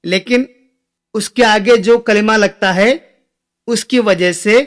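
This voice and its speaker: A young man teaching Arabic phrases, saying each one slowly and then repeating it with its meaning. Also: high-pitched, a bit bright.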